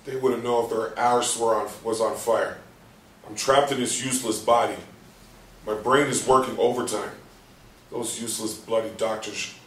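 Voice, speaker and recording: At a live stage reading in a theatre room, a man with a natural, somewhat low voice plays a bitter, despairing, sardonic hospital patient trapped in his body, who broods and questions himself in coarse language. The stage sounds roomy, the mic is distant, and there is faint noise.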